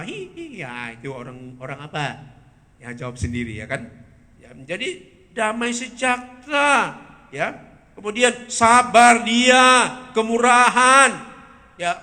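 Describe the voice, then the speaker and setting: Man, children's sermon, high lively voice, church reverb. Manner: animated, quizzes the children, tags lines with "ya". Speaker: Sunday school teacher. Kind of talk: children's Sunday school sermon. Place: church hall. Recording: long hall reverb.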